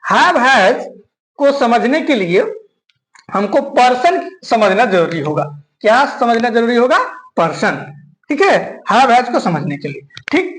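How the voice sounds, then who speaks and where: Lively woman teaching grammar. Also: fairly high pitch, takes it slowly, reverberant, rough recording. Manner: repeats key points, checks in with listeners. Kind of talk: classroom grammar lesson.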